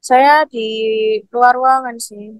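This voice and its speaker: A woman's voice: fairly high pitch, steady tone, slow, no echo, poor audio. A woman student answering her lecturer over a video call from outdoors, giving short, hesitant answers.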